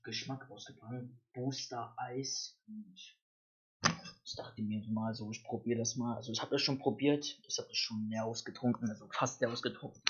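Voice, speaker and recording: Rambling young man, lo-fi sound. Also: medium pitch. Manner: rambling, swings between mumbled asides and loud excited bursts. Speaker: vlogger. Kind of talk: casual storytelling to camera. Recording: dull lo-fi recording.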